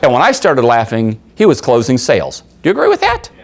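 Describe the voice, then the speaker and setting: A man training a room of workers, telling anecdotes with lively acted voices and quizzing the audience. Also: medium pitch, brisk, creaky. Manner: animated storyteller, acts out voices, asks the audience. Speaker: sales trainer. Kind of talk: seminar talk with acted anecdotes.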